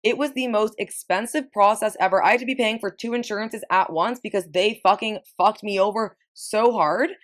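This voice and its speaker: A woman in her twenties from Ontario, Canada, chats casually as a podcast guest, speaking frankly and with profanity, often restarting her sentences. Her voice is mid-range, at normal speed with few pauses.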